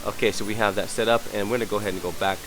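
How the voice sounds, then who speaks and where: A hungover, sick man giving an unscripted software tutorial, hesitant and apologetic as he searches around. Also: lowish voice, fairly even intonation, rapid-fire, music in the background, poor audio. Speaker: tutorial presenter.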